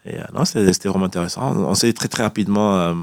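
A radio interview guest from Cameroon, in his forties, spontaneously narrates his own experiences in a conversational, repetitive way. He talks fast in a low voice with vocal fry, recorded clean and dry in a studio.

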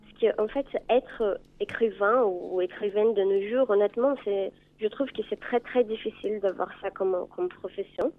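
Hesitant Brazilian woman on a phone line. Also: medium pitch. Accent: Brazilian Portuguese. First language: Portuguese. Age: 20s. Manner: hesitant, many filler pauses. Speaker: caller. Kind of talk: radio call-in chat.

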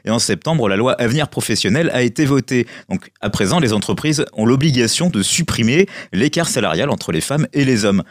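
A man's voice: medium pitch, expressive, brisk, few pauses, dry recording, studio quality. A man presenting a scripted news column on a radio show.

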